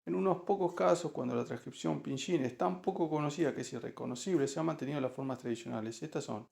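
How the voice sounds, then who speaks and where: A man reading a nonfiction audiobook aloud in a measured, careful narration. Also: a little high, gravelly, darkish tone.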